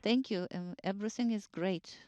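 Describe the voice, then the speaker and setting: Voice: medium pitch, moderate pace, mellow. A crew member on a space-to-ground radio link, speaking in brief, formal procedure calls from far off. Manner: brief, formal call-and-response. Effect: space-to-ground radio link, distant and filtered. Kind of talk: clipped radio procedure talk. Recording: distant radio transmission.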